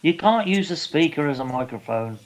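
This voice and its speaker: A man's voice: a little high, expressive, a little fast, low-quality recording. A man with a British accent chatting casually, with a blunt, insistent way of talking. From Britain. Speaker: guest on a live open-topic stream. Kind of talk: casual chat.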